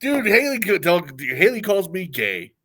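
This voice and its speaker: A man's voice: high voice, huge pitch swings, unhurried, fairly bright tone. A man co-hosting a podcast, teasing his friend in casual crude chat and laughing often. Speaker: podcast co-host.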